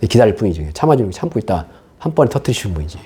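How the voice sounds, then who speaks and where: A man's voice: lowish voice, sing-song, racing, dark tone, breathy edge. A man preaching a sermon as pastor, casual and conversational, firing rhetorical questions at the congregation.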